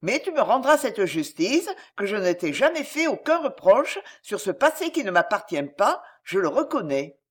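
A woman's voice: very animated, normal speed, few pauses. A woman voicing a fiercely jealous, passionate noblewoman who speaks intensely, coldly and with menace. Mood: reproachful. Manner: intense, low and cold, menacing.

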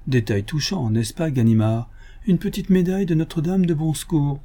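Cocky mocking thief, man reading it, a bit higher than his normal voice, mellow tone, teasing and smug. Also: normal speed. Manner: taunting, playful, condescending. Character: mocking, cocky gentleman thief, male adult. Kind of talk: audiobook character reading.

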